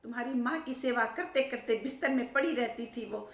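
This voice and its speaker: A woman playing a tired old father in a folk story, speaking calmly and confidingly to his grown children. Her voice stays close to her own, a little high, with a strong echo from the room. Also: brisk, lightly acted. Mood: weary. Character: old father, weary and scheming.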